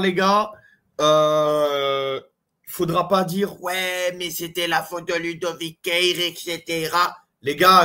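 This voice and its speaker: Un homme originaire des Landes parle à ses abonnés de façon décontractée, d'une voix plutôt aiguë. Il hésite souvent, multiplie les « euh » et interpelle son public d'un ton familier. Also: male voice, fairly high pitch, fairly bright tone. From Landes, France. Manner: chatty, hesitant, many fillers, addresses viewers as "les gars". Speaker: rugby fan vlogger. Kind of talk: casual fan commentary to camera.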